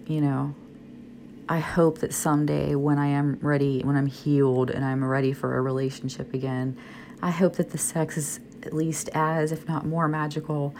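A woman's voice: level tone, moderate pace, darkish tone, a little hiss or hum. A middle-aged woman with a groggy, sleepy voice, talking candidly and confidingly in a rambling, hesitant monologue. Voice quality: low, creaky. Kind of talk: intimate, candid personal monologue. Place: in bed at night, indoors.

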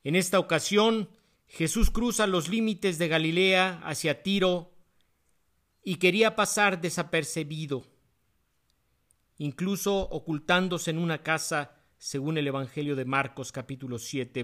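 Slow, deliberate male preacher. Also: a little high, a bit bright. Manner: cites chapter and verse in a quick aside, voice dropping; slow, deliberate delivery with rising emphasis on key phrases. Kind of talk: sermon.

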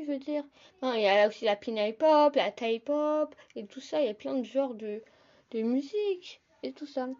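A young woman hosts a casual solo podcast, talking quickly in a chatty, lively way and often turning to address her listeners directly. Her voice sits a little high. The recording sounds slightly dull and lo-fi. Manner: fast, chatty, addresses listeners as "les gars". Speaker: podcast host.

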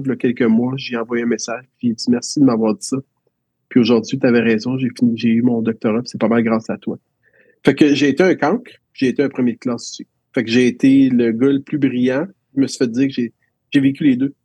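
A teacher with a Quebec French accent reminisces about his schooling in a casual interview, often restarting as he tells stories. His mid-range voice is dark and slightly rough, with no echo.

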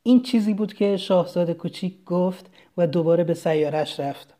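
In a mid-range voice, a storyteller reads a children's story aloud, telling it calmly and evenly in the first person.

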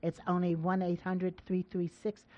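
A woman's voice: lowish voice, level tone, moderate pace, no room sound. Playful woman hosting a dull-sounding radio call-in. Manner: playful, teasing, coaxing. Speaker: radio call-in show host. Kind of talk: casual chat with callers.

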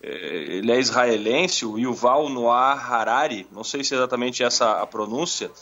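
A man's voice: medium pitch, normal speed, a bit bright. A man chatting casually and hesitantly as a talk show guest. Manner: hesitant, searching for words. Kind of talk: casual conversational recommendation.

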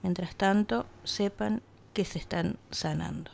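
A woman's voice: mid-range voice, unhurried, gravelly, darkish tone. A woman reads her own reflective text in an earnest, thoughtful tone. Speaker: radio contributor.

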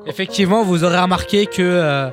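A man hosting a radio show in lively banter, chatty and teasing, often repeating himself. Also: high-pitched, brisk, faint music behind.

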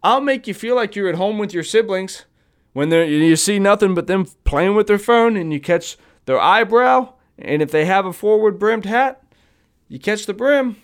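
Profaan kletsende mannelijke podcasthost. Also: male voice, high-pitched, expressive, moderate pace, smooth. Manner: profane, rambling, mock-stammers people he imitates. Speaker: podcast host. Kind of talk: casual ranting monologue. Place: home recording, seated at phone.

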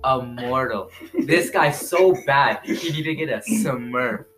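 A man's voice: medium pitch, slow pace. Hyped guy roasting his buddies, normal voice, some music in the back. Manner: roasting, excitable. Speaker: podcast co-host. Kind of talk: casual chat.

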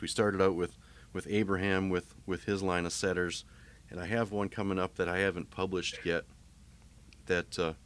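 Casting: very low-voiced man, laid-back podcast host, casual interview chat. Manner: relaxed, easygoing, many restarts.

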